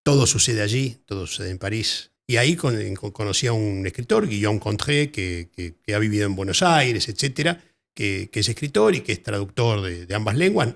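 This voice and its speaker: A writer with an Argentine Spanish accent is interviewed in a casual conversation. He speaks thoughtfully and haltingly, often repeating words while searching for the right phrasing. His voice is fairly low and animated, with vocal fry.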